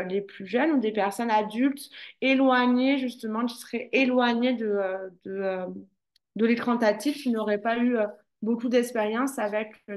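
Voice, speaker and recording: A woman trainer presenting a webinar, talking through it with many fillers and restarts. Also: a little high. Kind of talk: online presentation.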